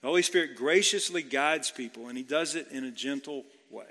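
Male pastor, earnest expository preacher with rhetorical questions; bright, sharp tone, recorded with a long echo in a church sanctuary. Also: medium pitch, fairly quick. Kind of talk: expository sermon. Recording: long hall reverb.

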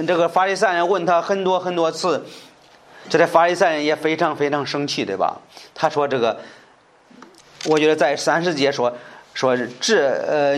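A male preacher with a fairly high voice works slowly through a scripture passage. He circles back on his own phrases, pauses on fillers, and keeps checking in with his listeners through rhetorical questions. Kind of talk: sermon expounding a Bible passage.

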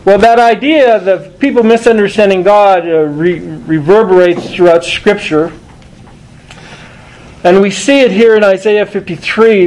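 A man preaching a sermon to a congregation, deliberate and emphatic, often restarting phrases and stressing single words. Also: high-pitched, darkish tone, low-quality recording. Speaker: pastor.

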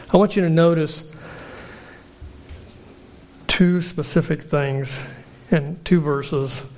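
A man preaching a sermon in an earnest, measured way, slowing down for emphatic lists. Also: a little high, a little mellow.

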